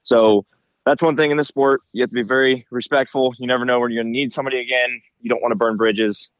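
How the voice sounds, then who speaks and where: A man's voice: medium pitch, fairly even intonation, fast talker, dry recording. Casual man on a dull headphone mic. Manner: informal, slangy, frequent check-in tags like "right?" and "you know". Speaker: motocross racer being interviewed. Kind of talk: casual interview answers. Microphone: headphones used as mic. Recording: slightly dull, dry headphone-mic sound.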